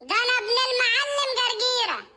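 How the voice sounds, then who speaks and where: A shrill, boastful cartoon boy with an Egyptian accent, very high and bright, whiny edge. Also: very animated, fairly quick, slight background noise, exaggerated voice. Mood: defiant. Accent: Egyptian Arabic. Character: cheeky boastful young boy, son of a tough father. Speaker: cartoon voice actor.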